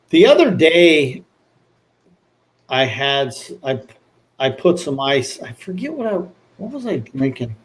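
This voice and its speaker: A man chatting casually as a livestream panelist, plainspoken and halting. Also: mid-range voice, very animated. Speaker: livestream panelist tasting bourbon. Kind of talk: casual chat.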